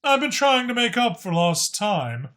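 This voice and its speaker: Voicing a talkative alien dragon informant in an audiobook story, a man explains things knowingly and emphatically, in an explanatory mood. He uses a full character voice pitched above his own: high, sing-song and sharp, delivered at a measured pace.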